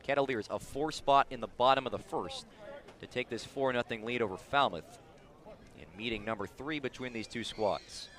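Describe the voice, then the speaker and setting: Live sports radio from an outdoor ballpark: a man gives baseball play-by-play in a medium-pitched, fairly bright voice at a moderate pace. His calls are clipped and rise along with the action.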